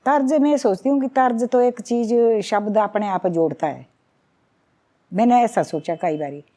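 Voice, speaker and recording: A woman's voice: a little high, unhurried, warm tone. A middle-aged woman from Himachal Pradesh with a Himachali Pahari accent, a folk singer and songwriter talking earnestly and reflectively in an interview. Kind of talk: conversational interview.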